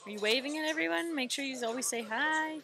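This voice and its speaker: A woman's voice: high-pitched, fast talker, vocal fry. A young woman co-hosting a live football watch party in a bar, joking and teasing in casual banter. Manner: playful, teasing. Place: in a bar or brewery.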